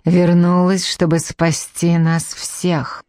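A woman voicing a blind, ill-tempered old woman in an audiobook, growling slowly and scornfully. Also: fairly low pitch, completely flat delivery, warm tone, no echo, clean studio sound. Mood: mocking. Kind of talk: audiobook character reading.

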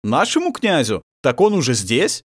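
A man voicing a young werewolf warrior, higher-pitched. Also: sing-song, brisk, no room sound, studio quality. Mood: earnest. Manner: polite, urgent.

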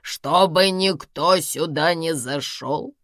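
A woman reading an audiobook, voicing a domineering elderly woman of eighty-two who scolds in slow, drawn-out, commanding phrases. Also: deep voice, a bit bright, no echo, clean studio sound. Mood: scolding, domineering. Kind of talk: audiobook character voice.

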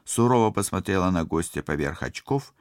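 A man reading an audiobook as narrator, steady and even. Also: deep voice, fairly quick, dry recording, clean studio sound. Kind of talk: scripted narration.

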